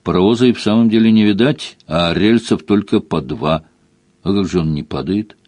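A man's voice: lowish voice, normal speed, darkish tone, no echo, close to an everyday voice. A man voicing a plain-spoken male former soldier in an audiobook, speaking bluntly and matter-of-factly. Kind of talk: audiobook character voice.

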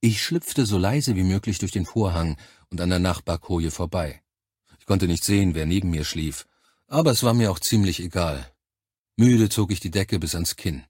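A man reading a science fiction novel aloud in calm, measured first-person narration. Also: low-pitched, slightly rough, no echo, clean studio sound. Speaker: audiobook narrator.

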